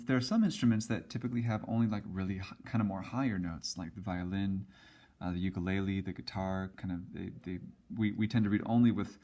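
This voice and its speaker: A man's voice: low-pitched, warm tone. A man teaching a casual music lesson, explaining at a whiteboard with frequent ums and restarts.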